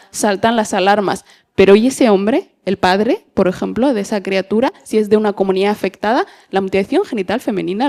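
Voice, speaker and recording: A woman's voice: medium pitch, darkish tone. A woman moderating a panel in a semi-formal but conversational way, often ending phrases with tag questions.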